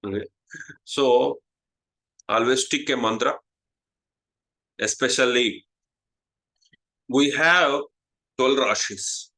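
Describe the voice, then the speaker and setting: A man with an Indian English accent, whose first language is Telugu, hosting a casual spiritual talk and pausing often with "uh" and "okay". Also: mid-range voice, pushed and bright, poor audio. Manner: slow, halting, many "uh" and "okay". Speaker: astrologer, channel host.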